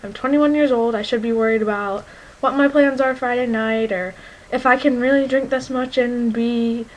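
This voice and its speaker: A woman's voice: on the high side, fairly even intonation, moderate pace, low-quality recording. A twenty-one-year-old woman talking candidly to her viewers in a personal vlog, reflective and earnest, with many fillers. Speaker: vlogger.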